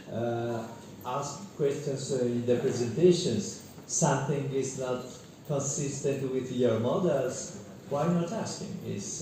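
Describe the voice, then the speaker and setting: Man giving hesitant speech at a conference, lots of ums, big echo, noisy room. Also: mid-range voice. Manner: hesitant, frequent fillers and restarts. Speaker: invited conference speaker. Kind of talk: formal opening remarks. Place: large echoey conference hall. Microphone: distant from the microphone. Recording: echoey hall from far off, background noise.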